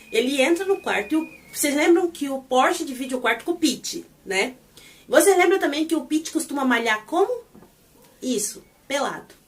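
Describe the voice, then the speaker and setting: A woman recapping a TV episode in a casual, animated way, acting out the characters' lines as she goes. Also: high voice, far from the mic. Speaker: series reviewer.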